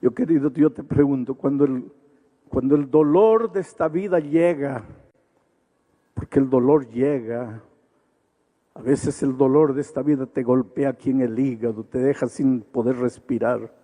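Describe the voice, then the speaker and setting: Pastor predicador, voz oscura y grave, apasionado con subidas enfáticas repentinas. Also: male voice, measured pace, dark tone. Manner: impassioned, swings to sudden high emphatic peaks; repetitive rhetorical lists. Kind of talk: evangelistic sermon with storytelling.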